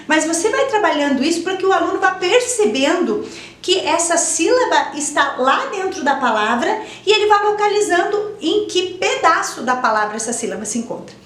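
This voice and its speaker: Addressing teachers, a woman whose voice sits high offers step-by-step advice, and the sound is roomy. She explains things patiently, goes over points more than once, and asks rhetorical questions throughout the instructional talk.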